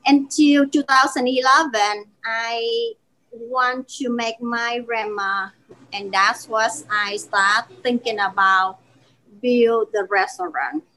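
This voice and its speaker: A restaurant owner in her forties speaks English with a Vietnamese accent, her first language being Vietnamese. Her voice sits a bit high, and she tells her story earnestly, stumbling and restarting as she goes. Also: pushed and bright, poor audio. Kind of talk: podcast interview.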